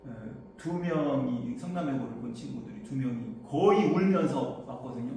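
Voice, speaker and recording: A middle-aged man, an academy instructor, giving an info session to parents in a chatty, anecdotal way, pushing his voice higher to carry. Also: normal speed, a little mellow. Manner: chatty, anecdotal, raises pitch to project. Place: lecture room. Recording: distant mic, very echoey hall.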